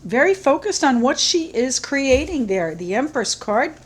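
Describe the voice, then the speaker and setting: Soft-spoken woman doing a tarot reading. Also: high voice, sing-song, a little hiss or hum, rough recording. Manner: gentle, slow, musing, repeats phrases. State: slightly choked up, clearing throat. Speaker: tarot reader. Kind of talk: solo tarot reading to camera.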